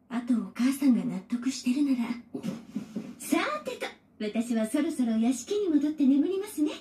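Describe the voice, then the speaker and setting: A woman voicing a gentle mother in a Japanese anime, played back during a reaction stream. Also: high voice, reverberant. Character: gentle mother who left her daughter. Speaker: anime character played from the show. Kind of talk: Japanese anime dub acting.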